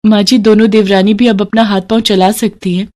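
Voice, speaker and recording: A woman's voice: mid-range voice, fairly even intonation, moderate pace, a little mellow, dry recording, natural voice. Woman voicing a weary poor young daughter-in-law. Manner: complaining, self-pitying.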